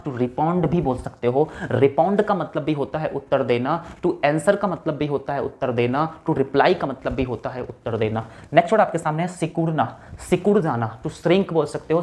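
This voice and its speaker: A man's voice: fairly high pitch, darkish tone. A male teacher giving a vocabulary lesson for exam preparation, spelling each word out letter by letter, repeating it, and checking in with the viewer again and again. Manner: drills with repeated check-ins like "right?" and "okay".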